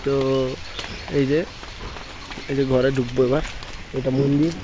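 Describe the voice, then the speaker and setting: A man's voice: medium pitch, little pitch movement, unhurried. A man chatting casually in a home vlog, rambling with many restarts. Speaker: vlogger. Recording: dull lo-fi phone audio with faint noise.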